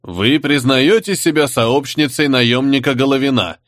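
A man's voice: medium pitch, normal speed, a bit bright, no room sound, clean studio sound, lightly acted. A man reading the part of a male commissar who asks questions formally during an interrogation. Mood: formal questioning.

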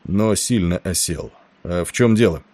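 Guy doing gruff tired old navy captain, really low dark voice, slow and bossy, audiobook. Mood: stern. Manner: gruff, commanding, weary. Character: stern ailing older male ship captain.

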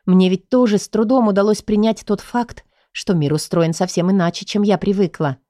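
A woman narrating a first-person audiobook in an even, measured storytelling manner. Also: medium pitch, no echo, studio quality.

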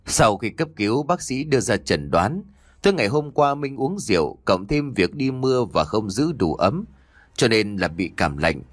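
Male narrator, low voice, lively dramatic pitch, dry close sound. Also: moderate pace, dry recording. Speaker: storyteller. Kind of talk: scripted horror story narration.

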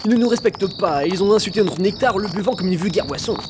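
A man's voice: high-pitched, fast, natural voice. A man voicing an unctuous fanatical cult preacher. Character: calm fanatical male cult preacher, soothing. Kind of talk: amateur audio drama acting. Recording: noisy outdoor ambience.

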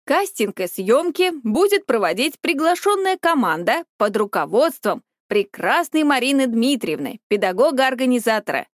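A woman's voice: fairly high pitch, very animated, moderate pace, few pauses, no echo, studio quality. A woman voicing a strict middle-aged female deputy head of a school, speaking in a formal announcing tone in an audiobook. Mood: official.

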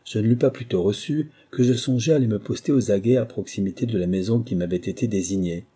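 Man with a dark, husky narrating voice. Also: fairly low pitch. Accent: French. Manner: measured, literary storytelling. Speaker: audiobook narrator. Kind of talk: scripted first-person narration.

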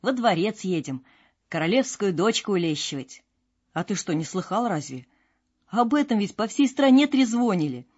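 A man's voice: sits high, very animated, moderate pace, darkish tone, breathy edge, full character voice. A woman doing smug, mocking young brothers. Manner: scornful, mocking. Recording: dull lo-fi with faint music.

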